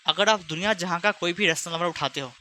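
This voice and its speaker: Bright-voiced chatty maths teacher. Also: male voice, high-pitched, fast, a little hiss or hum. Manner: chatty, teasing, speaks both sides of a pupil dialogue. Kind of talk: online class lesson with imagined student back-and-forth.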